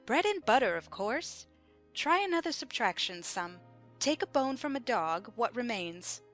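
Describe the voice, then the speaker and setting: The imperious, highish-voiced queen in a children's audio play, quizzing pupils over background music woman acting. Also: sing-song, unhurried, fairly bright tone. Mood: scolding, smug. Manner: haughty, contradicting, schoolmistress-like. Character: bossy, pedantic Red Queen, an imperious chess-piece monarch. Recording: music behind the voice.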